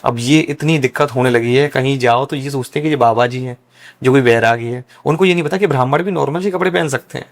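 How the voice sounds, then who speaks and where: A man's voice: medium pitch, quick pace. A young man, a priest by calling, explaining at length and earnestly in a casual podcast conversation. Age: young adult. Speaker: guest, young Brahmin priest.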